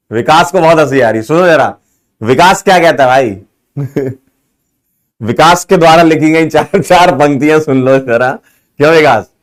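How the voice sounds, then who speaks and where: A male chemistry teacher wrapping up an online lecture, chatting casually and joking with his students, laughing often. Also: fairly high pitch. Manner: playful, joking, laughs often, calls students 'beta' and 'bhai'.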